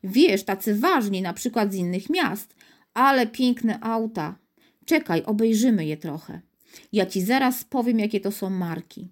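A woman's voice: mid-range voice, animated, measured pace. A woman doing Piotr, an eager know-it-all boy. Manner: confident, explaining. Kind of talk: storybook reading.

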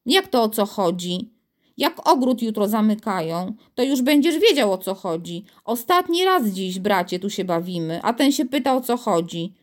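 A woman's voice: medium pitch, expressive, moderate pace, close to an everyday voice. A woman voicing a glum, embittered young boy who mocks his friends. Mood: mocking. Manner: sulky, mocking, aggrieved.

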